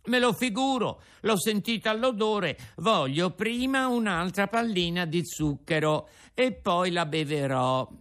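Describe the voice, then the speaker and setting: Pinocchio, a man doing a shrill puppet boy. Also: measured pace, hardly any pauses. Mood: whiny, stubborn. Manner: shrill, whining, shouting protests. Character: stubborn wooden puppet boy, whiny and fearful. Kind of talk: audiobook character reading.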